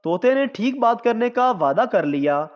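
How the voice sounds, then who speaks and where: A man reading out a series of short jokes in a scripted, unhurried storyteller's delivery. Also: extremely high pitch, big pitch swings. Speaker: joke narrator. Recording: dull lo-fi sound with long reverb.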